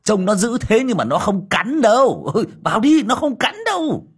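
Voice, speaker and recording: A man voicing a scrawny, jovial old village man who talks loudly in a husky voice. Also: wildly swooping pitch, unhurried, full character voice. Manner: booming, laughing, reassuring.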